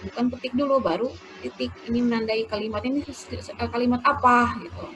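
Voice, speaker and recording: A woman teacher giving a lesson, explaining slowly and dictating example sentences aloud. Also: a little high, steady tone. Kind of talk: classroom lecture on punctuation. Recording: noisy background.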